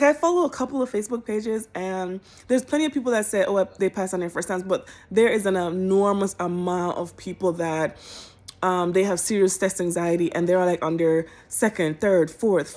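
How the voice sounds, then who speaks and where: A young woman telling a personal story to her viewers in a casual, animated, emotional way. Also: fairly low pitch. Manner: animated, emotional, colloquial, bursts into laughter.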